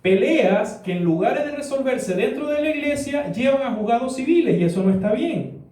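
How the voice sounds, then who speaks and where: A man playing a patient, gently explaining older apostle, in a voice sitting very high for a man. The sound is roomy and comes from a distant mic. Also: expressive, normal speed. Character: the apostle Paul, patient older male advisor. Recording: echoey church room, distant mic.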